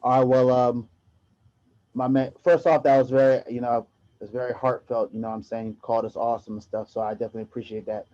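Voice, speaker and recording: Excitable male podcast host, mellow voice. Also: medium pitch, fast. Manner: excitable, gets loud. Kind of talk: casual basketball chat. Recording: dull lo-fi audio.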